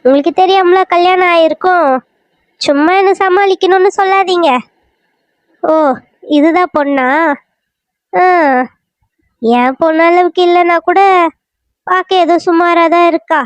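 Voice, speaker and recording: A woman's voice: extremely high pitch, steady tone, measured pace, long pauses, dry recording. A woman voicing a bitter, complaining middle-aged village mother in a cartoon serial, with a Kanyakumari Tamil accent and a wailing, reproachful way of talking. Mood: suspicious. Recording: dry, muffled lo-fi recording.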